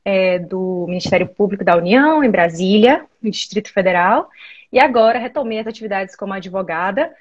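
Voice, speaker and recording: A woman in her thirties from Maranhão, Brazil, speaks as a guest over a video call. Her answers are thoughtful and full of small fillers, and her pitch sits in a middle range. The call audio sounds dull and lo-fi. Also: expressive, a little fast. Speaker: lawyer, guest. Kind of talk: conversational interview answers.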